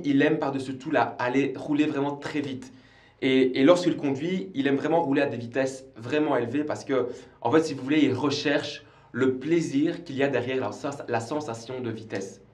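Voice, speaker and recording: A man's voice: mid-range voice, normal speed, a little mellow, echoey room. A man preaching a livestreamed church sermon, earnest and repeating words as he goes. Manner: earnest, repeats himself with small stumbles. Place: church service streamed live.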